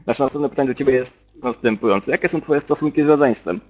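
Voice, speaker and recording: A man hosting an amateur joke interview show in formal, announcer-style phrases. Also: medium pitch. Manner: fast, formal host phrasing. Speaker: host.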